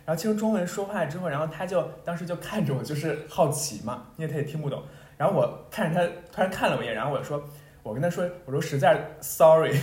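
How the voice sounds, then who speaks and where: Young man, fairly high voice, animated storyteller, roomy echo. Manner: animated storyteller, laughs often. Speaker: podcast co-host. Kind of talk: casual chat.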